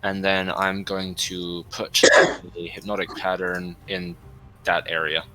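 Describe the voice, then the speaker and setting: A man's voice: low voice, level tone, takes it slowly, pushed and bright, rough recording. A man chatting casually as a player in a tabletop game.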